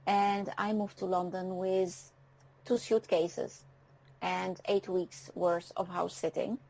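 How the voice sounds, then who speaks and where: A French woman in her fifties, raised speaking French and Dutch, appears as a guest on an internet radio show. Her voice is lowish, level and a little mellow with vocal fry, and she speaks reflectively, often pausing to say "um." The audio quality is poor.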